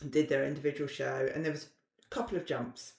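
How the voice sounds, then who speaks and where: A woman's voice: low voice, steady tone, fast, gravelly. A middle-aged woman, a podcast guest telling stories in a chatty, self-mocking way, recorded in a roomy space. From southern England. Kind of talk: casual storytelling chat. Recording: roomy echo.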